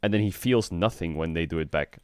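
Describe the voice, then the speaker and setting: A man streaming in casual chat, frank and rambling, swearing often, with a flat delivery because he just woke up. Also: brisk, clean tone, no echo, studio quality. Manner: flat, low-energy delivery. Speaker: streamer and esports team owner.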